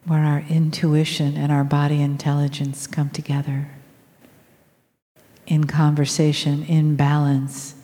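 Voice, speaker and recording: A woman leading a guided meditation in a soft, soothing, unhurried manner with long pauses, recorded in a reverberant room. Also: sits low, completely flat delivery. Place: large room with people present. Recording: reverberant hall.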